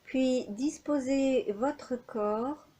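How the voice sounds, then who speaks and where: In this clip, a woman leads yoga nidra as the instructor, speaking in a measured, soothing, calm way with long silences between directions. Her pitch sits high.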